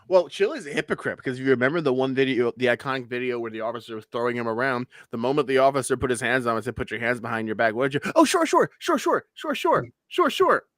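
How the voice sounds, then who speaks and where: A man hosting a casual reaction livestream, greeting chat and talking in excited bursts with stammered restarts. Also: very fast, hardly any pauses, no room sound, clean studio sound. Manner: animated, jumps high in pitch when excited, stammers restarts. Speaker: livestream host reading chat.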